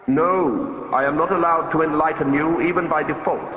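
A man voicing Death, a solemn, implacable robed spectre, deadpan and literal-minded, with a hollow reverb effect, in an audiobook. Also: a little high, voice pushed up. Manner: deadpan, unhelpful, slow and weighty. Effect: long hollow reverb on the voice. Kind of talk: audiobook character voice. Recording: cavernous reverb, muffled top end.

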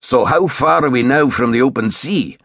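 A man voicing a kindly, shrewd old brigadier general, speaking quietly and with measured curiosity. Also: mid-range voice, vocal fry, no room sound, clean studio sound. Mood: inquiring.

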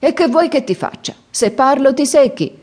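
A woman voicing a loud, bitter, mocking older father who scolds and sighs, in an audiobook reading. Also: a little slow, close to an everyday voice. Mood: gruff, scolding. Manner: booming, scolding, sighing.

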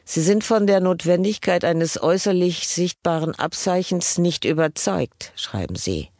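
A woman doing a fanatical old prussian general, slurred indistinct speech, slow and commanding, audiobook, dry. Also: on the low side, expressive, darkish tone, no room sound, voice pushed up. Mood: cold, contemptuous.

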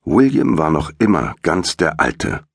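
A man narrates a first-person audiobook in a measured, dramatic way. His voice is extremely low and slightly husky. The recording is dry and close with no room sound. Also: big pitch swings, no echo.

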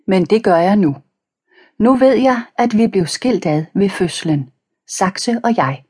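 A woman narrating a children's audiobook in the first person, calm and even, reading page numbers aloud. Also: mid-range voice, slightly rough. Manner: reads page numbers aloud between passages.

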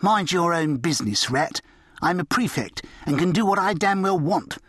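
A man's voice: fairly high pitch, sing-song, normal speed, a bit bright, slightly rough, no room sound, clean studio sound, pitched above the performer's own voice, heavily acted. A man doing a sneering schoolboy bully. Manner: sneering, snarling. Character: nasty bullying older schoolboy, sneering prefect.

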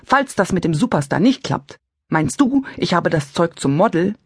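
A woman's voice: fairly low pitch, very animated, moderate pace, slightly rough, dry recording, clean studio sound, heavily acted. A woman reading an audiobook, voicing a naive, chatty young call-center girl who prattles in slang. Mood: eager. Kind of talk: audiobook character voice.

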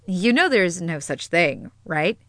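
A woman voicing a playful, frank young woman who talks low and teasing in an audiobook. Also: normal speed, a bit bright, no echo, close to an everyday voice.

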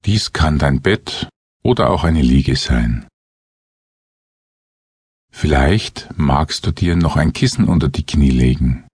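A man guiding a relaxation meditation in a soft, hushed, husky voice, with gentle unhurried instructions and long pauses. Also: rumbling low, animated, no room sound, studio quality. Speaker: guided meditation narrator. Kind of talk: guided relaxation meditation, slow and soothing.

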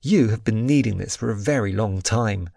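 A man voicing a stern young warrior in an audiobook, firm, measured and authoritative. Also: lowish voice, vocal fry, warm tone, no echo, studio quality. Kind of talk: audiobook character voice.

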